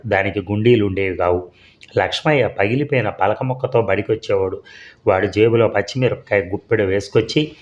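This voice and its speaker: A male storyteller reads a serial story at a steady, measured pace. His voice sits on the low side. The audio is dull and lo-fi.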